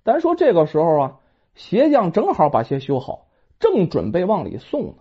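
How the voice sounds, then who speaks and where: A woman's voice: fairly low pitch, wildly swooping pitch, moderate pace, husky. A woman telling a folk tale in a dramatic, colloquial storytelling manner, in a dull lo-fi recording.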